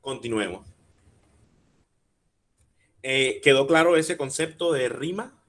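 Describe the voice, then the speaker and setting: A man leads a workshop lecture over a video call, with a voice in the middle of the male range. He is patient and methodical, breaking words into syllables slowly. He stops often to ask listeners questions and check that they follow. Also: medium pitch, fairly bright tone. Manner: patient, explains step by step, spelling out syllables slowly; asks the audience questions and checks understanding. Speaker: workshop speaker teaching rhyme.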